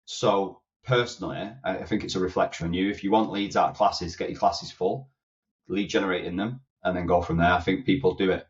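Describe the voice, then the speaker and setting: A very low-voiced man gives blunt, energetic advice to fitness coaches in a loose podcast chat. He swears casually and keeps it punchy. The sound is a bit dull and lo-fi. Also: fairly quick. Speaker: personal trainer mentor, co-host. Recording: slightly muffled lo-fi sound.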